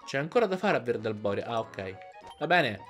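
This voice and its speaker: A man's voice: mid-range voice, sing-song, fairly quick, a bit bright. A man hosting a let's play, casually commenting and joking while reading the game text aloud. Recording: game music playing behind. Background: video game music.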